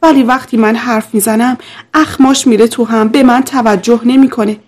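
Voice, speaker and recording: A woman's voice: on the high side, fairly even intonation, darkish tone, close to an everyday voice. A woman voicing a distraught young wife who pleads through tears. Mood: tearful, pleading. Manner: pleading, tearful.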